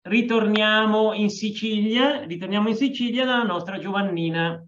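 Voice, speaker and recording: Distant, high-pitched man hosting a call. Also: moderate pace, background noise. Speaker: host of online meeting. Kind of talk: informal hosting, explaining to guests. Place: indoors, video call. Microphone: video call, off the mic. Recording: dull, distant video-call sound.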